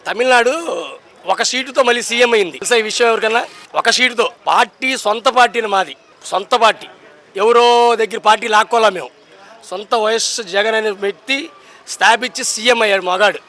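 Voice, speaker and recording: Brief: young man, high bright voice, fast combative street-poll talk, handheld mic outdoors. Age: young adult. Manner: emphatic, combative, keeps repeating rhetorical questions. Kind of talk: impassioned political street talk.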